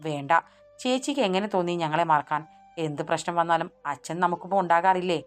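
A woman voicing an angry younger sister who speaks in a sharp, accusing way, in an audiobook story. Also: fairly low pitch, lively intonation, quick pace, soft background music, natural voice. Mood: bitter accusing.

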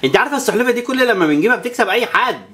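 Fast, animated Egyptian woman. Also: on the high side. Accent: Egyptian Arabic. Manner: animated, counts aloud and makes whooshing sound effects. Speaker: toy channel presenter. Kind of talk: playing with toys alongside a child and talking to viewers.

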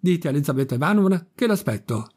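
A demanding, capricious old countess barks orders and complains in a raised, slightly husky voice, as a male reader puts her on. She sounds peevish and imperious throughout, her lines clipped and commanding. It is a reading of a classic story. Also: on the high side, sing-song, quick pace, darkish tone. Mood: scolding.

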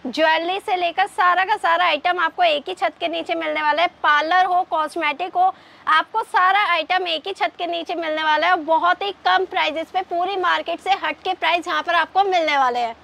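A woman's voice: extremely high pitch, fairly even intonation, moderate pace, vocal fry, sharp tone. A young woman presenting a market tour vlog, talking upbeat to her viewers on a lapel mic. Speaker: vlogger. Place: busy market street and small shop. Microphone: clip-on lapel mic.

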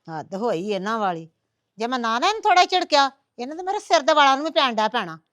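A woman's voice: sits high, expressive, racing, no echo, studio quality. A woman playing a harsh mother-in-law who nags and taunts. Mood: scolding. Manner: sharp, nagging, taunting.

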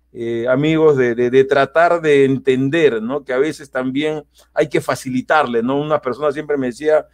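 A man tells a story in casual conversation. His voice sits a bit high, and he acts out the quotes with lively energy, often restarting his sentences. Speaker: guest.

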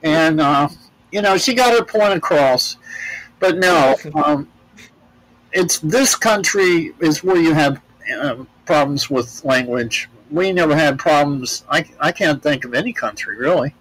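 Unhurried and a bit bright, a high-voiced older American man spins rambling travel tales as an interview guest, restarting often in his easygoing, plain way. The audio is rough.

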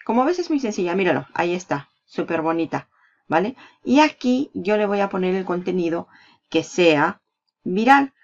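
A woman's voice: on the low side, big pitch swings, moderate pace, a little mellow. A woman giving a chatty screen-share marketing tutorial, explaining each step with asides. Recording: slightly dull lo-fi sound.

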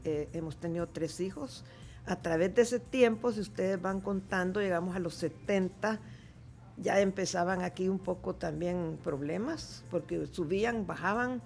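Gravelly-voiced Salvadoran woman in her seventies. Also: on the low side, normal speed, a little mellow, faint music behind. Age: 70s. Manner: candid, chatty, laughs easily. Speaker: guest artist. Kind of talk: radio interview. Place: radio studio. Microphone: studio microphone with headphones.

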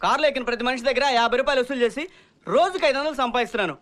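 A man's voice: very high voice, very fast, a bit bright. A man playing a cheeky, defiant grown son in comic film dialogue.

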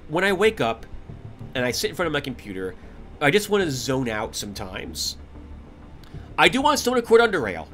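A stuffy-nosed gaming host, bright and lively and a touch higher-pitched than average, chats candidly to his audience from his home computer as he plays. He rambles, restarts his sentences and laughs softly, with a faint hiss beneath it all.

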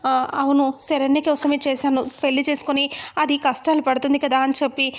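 A woman's voice: sits high, little pitch movement, a little fast, natural voice. A woman reading the lines of a tearful young woman who pleads and explains herself. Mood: pleading. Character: tearful young woman defending her deed.

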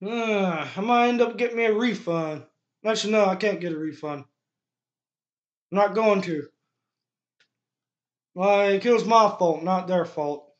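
A young man with a strikingly high voice reviews a product in a casual, blunt way. He talks slowly around a lip packed with chewing tobacco. The sound is dull, lo-fi webcam audio from a small room. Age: young adult. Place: small bare room indoors. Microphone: webcam microphone at desk distance.

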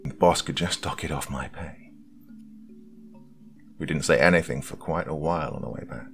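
A man narrating a scripted first-person horror story in a slow, hushed storytelling delivery, recorded close on a studio mic. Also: rumbling low, faint music behind.

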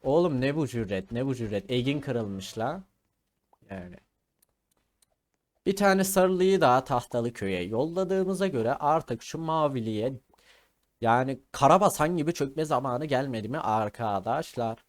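A man's voice: mid-range voice, animated, measured pace. A man giving casual gaming commentary, teasing and trash-talking his opponents playfully as he plays. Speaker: gaming video creator.

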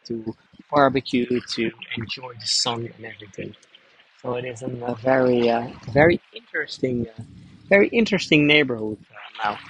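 A middle-aged man giving a chatty live guided kayak tour outdoors, repeating words and pausing with fillers. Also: mid-range voice, a bit bright.

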